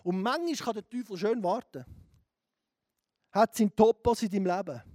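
Swiss German preacher, man, middle-aged, very high voice, fiery delivery that swings from hushed to shouting. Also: normal speed, no echo, studio quality. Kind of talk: sermon.

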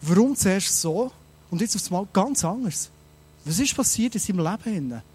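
A man preaching a sermon, animated and speaking straight to his listeners with many rhetorical questions. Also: sits high, normal speed, slightly rough.

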